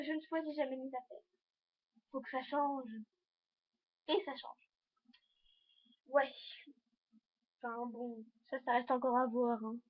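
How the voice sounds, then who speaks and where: A high-voiced teenage girl talks straight to her viewers in a casual fashion vlog, rambling along with lots of hesitations while she holds things up to the camera. The sound is dull and lo-fi, recorded on a simple camera microphone. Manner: chatty and rambling, full of hesitations. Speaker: vlogger. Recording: dull lo-fi home video recording.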